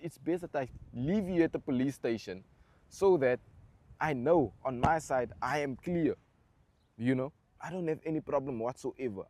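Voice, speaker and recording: A man's voice: mid-range voice, mellow, no room sound. A South African man telling a story casually as a driver, earnest and indignant, repeating words for emphasis. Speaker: ride-share driver telling his story.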